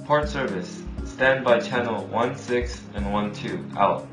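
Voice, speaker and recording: A man with a mid-range voice plays a calm, compliant radio officer on a motor vessel, answering port control slowly in strict formal procedure during a scripted maritime radio role-play. He reads each instruction back plainly, in an echoey room with music underneath.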